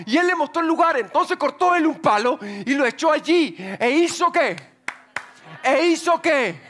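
High-voiced animated male pastor. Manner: animated, joking, acts out voices while reading scripture. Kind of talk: lively sermon. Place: church.

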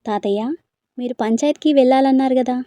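A woman reading a storybook, voicing a gentle, easygoing young man. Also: high voice, fairly quick, no echo, lightly acted.

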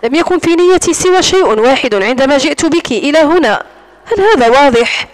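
A domineering wealthy man who sneers and taunts, voiced by a woman narrating an audiobook. He speaks coldly and controllingly, and the voice stays quite high. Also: expressive, fairly quick, rough recording. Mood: mocking. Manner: mocking, cold and controlling.

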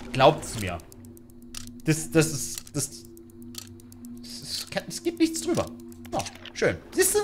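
A young man riffs casually over his game, slangy and quick to joke or react loudly. His pitch is fairly high and bounces around a lot. A faint hum sits behind him. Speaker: gaming YouTuber. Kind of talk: casual let's-play commentary.

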